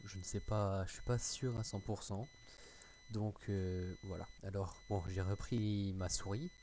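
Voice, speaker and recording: Hesitant French man, low mellow voice. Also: steady tone, measured pace, a little hiss or hum. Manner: hesitant, many fillers and restarts. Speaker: tutorial maker. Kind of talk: screen-recorded tech tutorial.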